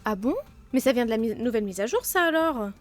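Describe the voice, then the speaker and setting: A woman with a cold comments on her game in a fairly high, chatty voice. She jokes at her own expense, filling her sentences with hesitations. Faint music plays underneath. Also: lively intonation, quick pace. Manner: chatty, self-mocking, many fillers. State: sick, blocked nose and sore throat. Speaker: let's play host.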